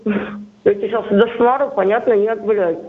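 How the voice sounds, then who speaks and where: Angry woman shouting curses down a thin, lo-fi phone line. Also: mid-range voice, fairly even intonation, normal speed, slight background noise. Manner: aggressive, swearing, threatening. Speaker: prank call target. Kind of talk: heated phone argument.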